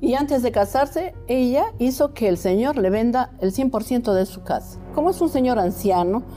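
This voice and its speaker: A woman's voice: a little high, expressive, normal speed, dark tone, faint music behind. A woman, a lawyer and neighbor appearing as a talk show guest, telling her account insistently and with frequent restarts. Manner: insistent, repetitive, with hesitant restarts.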